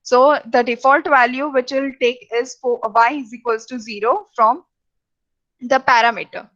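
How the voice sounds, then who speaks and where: A woman teaches programming in a halting lecture, with many fillers and restarts. Her voice sits a little high, and the recording sounds dull and lo-fi. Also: fairly even intonation, a bit bright. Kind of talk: lecture over slides.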